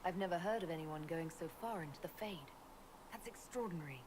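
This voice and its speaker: An actress playing an earnest, protective fantasy game hero with a direct, inquisitive way of talking. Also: female voice, lowish voice, brisk, noisy background, lightly acted. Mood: curious. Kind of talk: video game dialogue.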